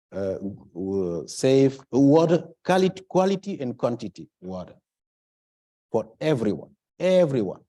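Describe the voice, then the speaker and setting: A man from Senegal speaking on a conference panel, halting at times as he searches for words and stressing his key points. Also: mid-range voice, very animated, mellow.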